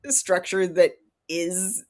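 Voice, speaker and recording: A woman from Canada co-hosting a podcast, chatting casually and joking with loud laughs. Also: fairly low pitch, very slow. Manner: animated, jokey, laughs loudly. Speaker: podcast co-host. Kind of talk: casual chat.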